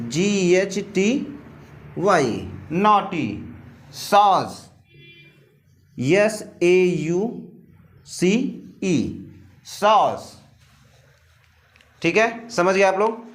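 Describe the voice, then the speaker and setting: A man's voice: high-pitched, a bit bright. A man teaching English pronunciation in Hindi. He spells each word out letter by letter and patiently repeats the rules. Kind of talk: slow explanatory lesson in Hindi.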